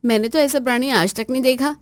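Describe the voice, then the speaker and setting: A woman voices a young new daughter-in-law in an acted family story, polite and pleading but worn down. Her voice rides high. The sound is close and dry. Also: fast talker, no room sound, close to an everyday voice. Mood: polite exasperated.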